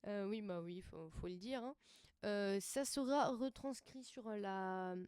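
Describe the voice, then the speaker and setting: A woman's voice: mid-range voice, takes it slowly, a little mellow, clean tone, dry recording, clean studio sound. A woman hosting a casual web radio show, rambling and hesitant with many fillers and easy laughs. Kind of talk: casual live radio chat.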